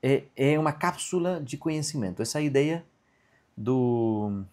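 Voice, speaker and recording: A man teaches a class over a video call. His voice is mid-pitched with a gravelly edge. He explains at length, full of fillers and quick checks to see whether students follow. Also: animated, a little mellow. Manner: slow chanted recitation of a verse. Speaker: Sanskrit grammar teacher. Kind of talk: online class lecture.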